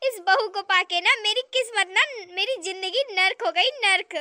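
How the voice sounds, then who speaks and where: A woman's voice: very high voice, moderate pace, heavy background noise. A woman voicing an older village mother-in-law in a cartoon, complaining melodramatically about her daughter-in-law. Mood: aggrieved. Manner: self-pitying, complaining, melodramatic. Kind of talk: cartoon voice acting.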